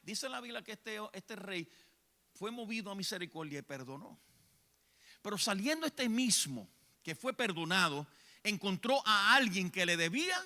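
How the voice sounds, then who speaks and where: A man with a Puerto Rican accent preaching a church sermon, swinging between hushed lines and shouted ones. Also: sits high, lively intonation, normal speed. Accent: Puerto Rican Spanish. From Puerto Rico. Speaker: evangelist preacher. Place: church sanctuary.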